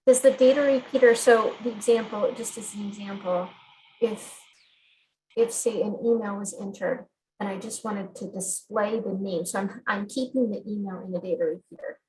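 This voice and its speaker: A woman's voice: medium pitch, fairly even intonation, dark tone, a little hiss or hum, rough recording. Hesitant woman on a video call. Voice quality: call audio breaking up at times. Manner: hesitant, halting, restarts her question. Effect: remote caller's voice over a video call. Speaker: webinar attendee asking questions. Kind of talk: live Q&A question. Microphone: computer or headset mic on a video call.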